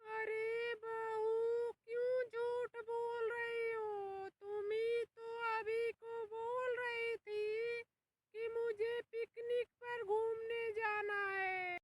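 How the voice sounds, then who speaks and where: A woman's voice: very high-pitched, level tone, distant mic, exaggerated voice. Woman playing a wailing, quarrelsome old mother-in-law. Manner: wailing, drawn-out shouting. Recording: loud background noise.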